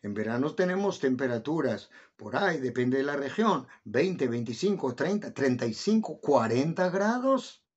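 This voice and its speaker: Husky man chatting to his viewers. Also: mid-range voice, sing-song, normal speed, hardly any pauses. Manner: conversational, addresses viewers directly with questions. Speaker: vlogger explaining life in the country. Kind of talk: casual explanatory talk to viewers. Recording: dull lo-fi recording.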